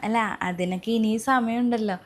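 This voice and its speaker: A woman's voice: a little high, fairly quick, a little hiss or hum, natural voice. A woman playing a demanding young new mother who orders her sister-in-law around in a comedy sketch. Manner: bossy, whiny, insistent.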